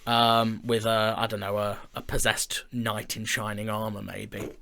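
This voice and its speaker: His voice is fairly low, gravelly and bright, with a forceful tone, flat delivery and measured pace. As co-host of a casual indoor studio chat, this audio drama creator and film director enthusiastically and informally discusses his creative work and announces projects.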